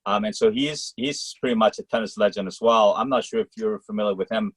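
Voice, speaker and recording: A man's voice: fairly low pitch, slightly rough, no echo, rough recording. Malaysian-born man coach, dry sound. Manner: talks in quick rambling clauses with many fillers. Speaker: college tennis coach. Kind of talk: casual interview answers.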